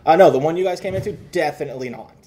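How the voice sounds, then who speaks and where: A man's voice: a little high, very fast, mellow, slight background noise. A man narrating a tabletop role-playing game as game master, casual and loose, with fillers and laughter.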